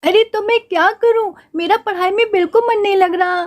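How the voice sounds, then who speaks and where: A woman's voice: very high voice, fairly quick, voice pushed up. A woman voicing a restless young boy doll who hates studying, in a doll play story, talking in a whiny, impatient way.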